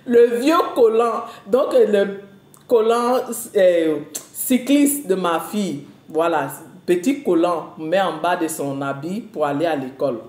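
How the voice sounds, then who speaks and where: A woman preacher giving a lively, repetitive spoken testimony to a congregation, full of exclamations. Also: lowish voice, a little slow, echoey room. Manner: animated, repetitive, storytelling with exclamations.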